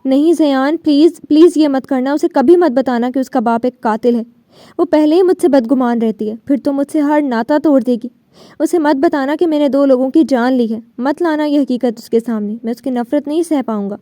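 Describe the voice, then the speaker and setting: A woman's voice: sits high, warm tone, no echo, studio quality, lightly acted. A woman voicing a desperate pleading old father. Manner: pleading, begging. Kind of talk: audiobook novel reading.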